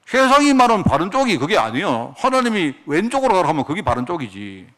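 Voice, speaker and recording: A man's voice: high voice, huge pitch swings, quick pace, a bit bright. A male pastor preaching a sermon, firing off rhetorical questions as he goes.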